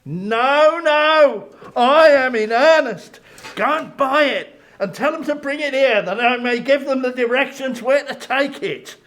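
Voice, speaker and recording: A man's voice: very high voice, measured pace, a bit bright. A man playing elderly, reformed Ebenezer Scrooge as effusively kind and exclamatory in a dramatic storybook reading. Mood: giddy delight. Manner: exuberant, exclamatory.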